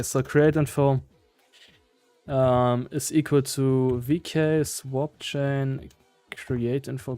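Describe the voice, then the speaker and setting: A man's voice: medium pitch, warm tone, clean tone, no room sound. A man with a German accent doing casual live coding commentary, hesitantly thinking aloud in fragments. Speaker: live-streaming programmer.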